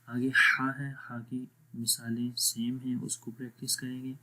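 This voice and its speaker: A man teaching Quran recitation, patient and steady, who stretches sounds out slowly to demonstrate them and often checks in with his students. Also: mid-range voice, rough recording. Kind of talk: spoken lesson with recitation drills.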